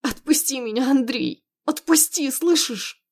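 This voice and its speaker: A woman's voice: high voice, unhurried, pitched above the performer's own voice. Woman voicing a tearful, bitter young woman. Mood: tearful anger. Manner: tearful, sharp, raised voice. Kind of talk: audiobook dialogue reading.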